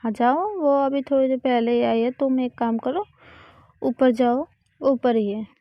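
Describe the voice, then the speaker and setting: A woman's voice: high voice, unhurried, no room sound, lo-fi sound. A woman voicing a friend's mother who welcomes a visitor and sends her upstairs, in an easy, directing way. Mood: welcoming.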